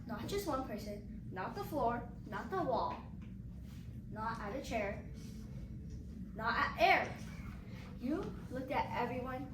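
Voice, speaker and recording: A woman giving a formal speech evaluation in deliberate, measured, repetitive phrases. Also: high-pitched. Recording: echoey room, distant mic, loud noise.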